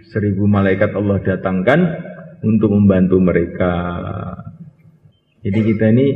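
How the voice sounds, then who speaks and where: A man preaching a sermon to students. He tells stories, acts out the dialogue in them, and quizzes his listeners. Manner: storytelling, acting out quoted dialogue with jumps in pitch. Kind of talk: sermon with storytelling. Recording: dull, echoey hall recording.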